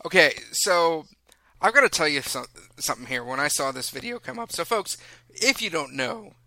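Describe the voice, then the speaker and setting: A man's voice: fairly high pitch, lively intonation, normal speed, pushed and bright, dry recording. A man hosting a casual podcast from a room in his house, chatty and self-deprecating, rambling with restarts. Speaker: podcast host.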